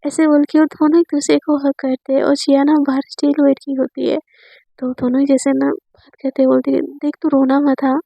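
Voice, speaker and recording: A woman's voice: high voice, monotone, fairly quick, vocal fry, dark tone, no room sound. A woman retelling a romance story in a casual, chatty way, full of fillers. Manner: chatty, many fillers, voices characters' lines in her own voice.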